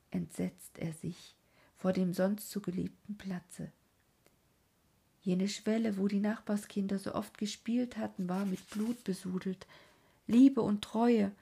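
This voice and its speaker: A woman narrating a classic novel in a slow, earnest way, often sinking into a soft whisper. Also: medium pitch, creaky, slightly rough. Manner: slow, earnest, dramatic phrasing. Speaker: audiobook narrator. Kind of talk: literary reading of a classic novel.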